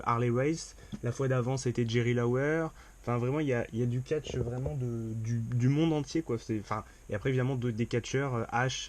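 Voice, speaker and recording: A man's voice: mid-range voice, darkish tone. A man doing casual unboxing commentary to a camera, chatty and upbeat, with lots of fillers and restarts. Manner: upbeat enthusiasm. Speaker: unboxing vlogger.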